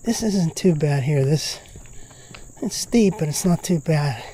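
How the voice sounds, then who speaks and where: A man's voice: a little high, lively intonation, unhurried, mellow, a little hiss or hum. A man walking outdoors on a wooded trail, giving casual running commentary with chatty, grumbling remarks to himself, a little out of breath from the uphill walk.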